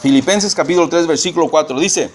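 Halting Spanish-speaking pastor preaching. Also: male voice, fairly high pitch, slight background noise. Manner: halting, repeats words, mixes in English phrases. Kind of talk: sermon.

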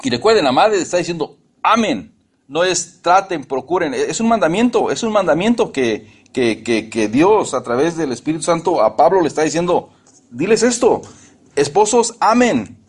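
Middle-aged preacher guy, husky and a bit high, keeps repeating himself, leaning hard on words. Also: animated, a little fast, few pauses. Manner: emphatic, repeats and restarts phrases. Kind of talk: sermon.

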